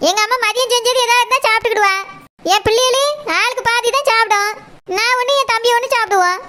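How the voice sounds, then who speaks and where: A grumpy village woman as acted in a comic skit, extremely high and bright. She haggles in quick, sarcastic, scolding bursts. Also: steady tone. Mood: grumbling. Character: grumpy haggling village woman customer, a sharp-tongued mother. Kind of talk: comic story skit acting.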